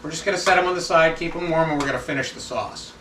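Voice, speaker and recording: A man chef giving a step-by-step cooking demonstration in a relaxed, instructive way, stopping now and then to restart a phrase. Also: on the high side, fast talker, noisy background. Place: kitchen. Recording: echoey kitchen, mic at a distance. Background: sizzling pan sounds.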